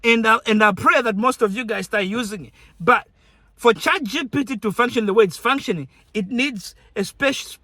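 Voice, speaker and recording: Here a young man from Zambia speaks casually to camera for his YouTube viewers, often starting his sentences over. His high-pitched voice has a sharp edge, and there's no echo.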